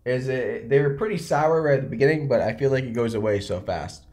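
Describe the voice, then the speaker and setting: A woman's voice: rumbling low, a little fast, a little mellow. A woman hosting a casual taste test, chatting while she sucks on sour candy. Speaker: host of a candy tasting video.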